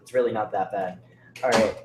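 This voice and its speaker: A man's voice: lowish voice, fairly even intonation, fairly quick, reverberant, a little hiss or hum, low-quality recording. A man hosting a livestream, talking casually with lots of fillers as he steers the show. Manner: chatty, filler-heavy host talk. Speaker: livestream host.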